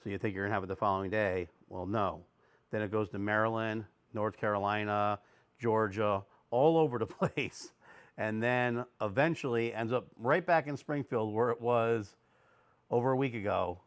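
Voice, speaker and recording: A man, a little hoarse from illness, rambling casually about his custom motorcycle seat work. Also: fairly low pitch, fairly even intonation, normal speed. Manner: rambling, conversational, lots of fillers. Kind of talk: casual workshop vlog talk.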